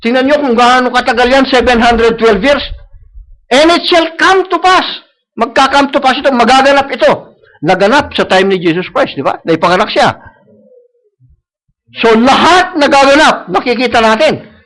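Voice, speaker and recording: A male preacher, his voice pitched very high for a man. He preaches to a live congregation, returning to the same phrases again and again and checking that they follow him. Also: normal speed, fairly bright tone, low-quality recording. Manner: mixes English phrases into Tagalog, repeats key phrases; asks the congregation for agreement. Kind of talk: sermon. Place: church service.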